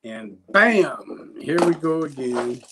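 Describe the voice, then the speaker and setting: Brief: man, somewhat high voice, sleepy, joking live seller, punchy item callouts, faint noise behind. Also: lively intonation, slow pace. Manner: jokey, self-deprecating, announces items with exclamations. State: sleepy, yawning. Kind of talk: casual live sales pitch.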